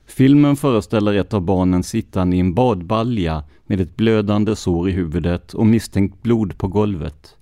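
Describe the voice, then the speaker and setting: A man hosting a true crime podcast, reading police records in a measured, scripted narration. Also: on the low side, mellow, dry recording, clean studio sound. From Sweden.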